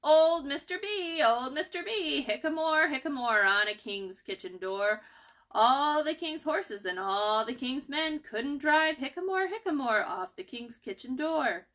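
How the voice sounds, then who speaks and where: A woman's voice: high-pitched, expressive, measured pace, sharp tone, pitched above the performer's own voice, exaggerated voice. A woman voicing a cheeky, rude young male squirrel from a storybook, chanting riddles in a taunting singsong. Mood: impertinent, excited.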